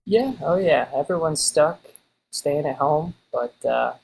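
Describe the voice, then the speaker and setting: A man's voice: on the high side, measured pace, vocal fry, a little mellow, a little hiss or hum, poor audio. A man from Kansas City, a guest in a casual conversation, easygoing and dry in his humor. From Kansas City, United States.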